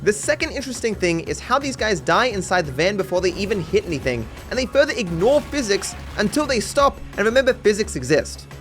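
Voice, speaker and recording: In scripted comedy narration laid over game footage, a man delivers sarcastic video game commentary with a dry, mock-serious tone. His voice sits high and swings widely in pitch, moving briskly with few pauses. Music plays beneath him.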